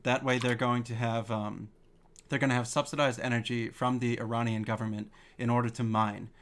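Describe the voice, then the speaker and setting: Male host of an online discussion group, casual and rambling, average pitch, call-quality audio. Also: flat delivery, brisk, fairly bright tone, slight background noise. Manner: loose, rambling with fillers and restarts. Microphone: video call.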